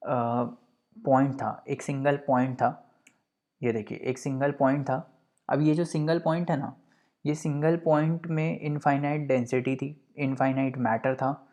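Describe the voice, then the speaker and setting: A man's voice: mid-range voice, darkish tone. A man teaching an online geography lecture, explaining step by step in a conversational way and slipping English phrases in. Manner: conversational, with frequent "you know" fillers.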